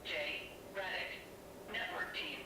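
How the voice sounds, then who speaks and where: A man voicing a calm facility announcer who reads clipped announcements over the intercom in a large research complex. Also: high voice, over music. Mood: flat. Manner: slow, clipped, pieced-together announcements. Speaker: facility public address announcer. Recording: echoey, distant, noisy loudspeaker.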